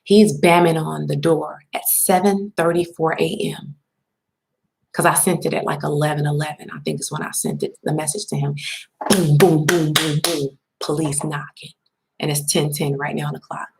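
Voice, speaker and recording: A woman vlogger telling a personal story in a casual, animated way, talking straight to her viewers. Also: low-pitched, moderate pace, vocal fry. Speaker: vlogger and spiritual life coach.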